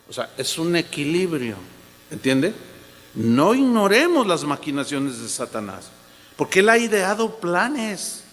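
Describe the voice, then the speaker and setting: In a sermon full of repeated phrases, a male pastor preaches emphatically and quotes others by putting on changed voices. His voice sits high and sounds a bit bright, ringing with long hall reverb.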